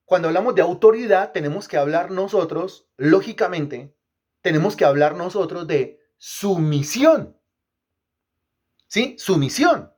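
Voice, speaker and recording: Pastor, male, fairly high pitch, emphatic teaching sermon, quizzes the congregation, repeats lines for rhythm. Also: a little mellow. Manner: asks the congregation questions and repeats phrases.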